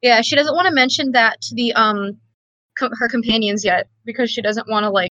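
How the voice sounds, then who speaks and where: A woman's voice: fairly high pitch, fairly quick, pushed and bright, dry recording. A woman playing in an online tabletop game, talking hesitantly with many restarts and fillers over a voice-chat line that breaks up. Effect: muffled voice-chat line that breaks up. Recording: dull lo-fi online call audio.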